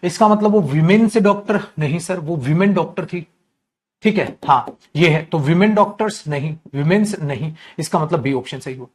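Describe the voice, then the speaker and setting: Indian guy teaching english grammar, high voice, animated, drags words out slow when writing. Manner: animated, addresses students as "beta"; drawls sentences slowly while writing. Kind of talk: online exam-prep lecture.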